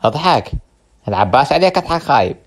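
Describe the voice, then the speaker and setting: Animated Iraqi man, teasing banter. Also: mid-range voice, fast talker, a little hiss or hum. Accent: Iraqi Arabic. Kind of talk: comedy skit banter.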